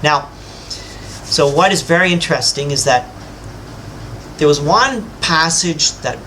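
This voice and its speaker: This man speaks a little slowly, his slightly high voice pushed and bright, with a little hiss or hum in the recording. A self-styled religious teacher whose first language is English, he fires a combative, lecturing rebuttal straight at a scholar, emphatically boasting about what he knows.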